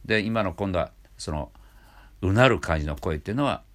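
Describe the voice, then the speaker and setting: An older Japanese man teaching a singing lesson, explaining calmly with many fillers and small restarts. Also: low-pitched, brisk. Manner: explains calmly, breaking off to demonstrate sounds. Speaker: voice trainer. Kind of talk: vocal lesson with demonstrations.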